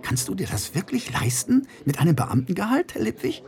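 A man voicing a sharp-tongued, fiery young woman in an audiobook reading, speaking in a clipped, hissing manner. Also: high-pitched, very animated, brisk, voice pushed up. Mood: teasing. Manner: clipped, hissing when angry.

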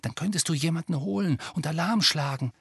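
A man reading an audiobook, voicing a frightened but resolute teenage boy who speaks in a hushed, urgent way. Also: fairly high pitch, a little fast, gravelly, breathy edge, no room sound, clean studio sound, voice pushed up, full character voice.

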